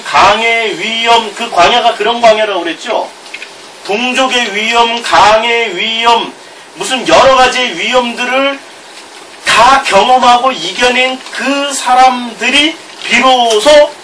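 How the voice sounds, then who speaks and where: A middle-aged male pastor with a Gyeongsang Korean accent, preaching a sermon, reading scripture aloud with chuckling asides. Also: extremely high pitch. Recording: distant mic with background noise.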